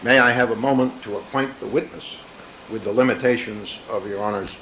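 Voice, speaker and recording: A man serving as defense attorney, arguing formally and deliberately to the bench, heard in a courtroom recording. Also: mid-range voice, steady tone, fairly bright tone, a little hiss or hum, poor audio. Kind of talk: courtroom argument.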